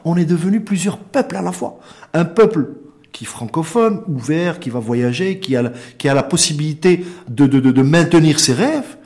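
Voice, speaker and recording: A middle-aged Moroccan man with a Moroccan accent speaks as an interview guest, the founder and director of an organisation. He's impassioned and emphatic, repeating words for stress, his voice on the high side, animated, a little mellow, and at normal speed.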